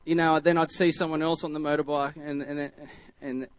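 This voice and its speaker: An Australian man tells stories from the pulpit in a loose, chatty way, often restarting his sentences. His voice sits somewhat high for a man. The sound is close and dry, with no room echo. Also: level tone, moderate pace, clear, resonant tone. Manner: rambling and chatty, full of fillers and restarts. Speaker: church speaker. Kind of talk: casual storytelling sermon.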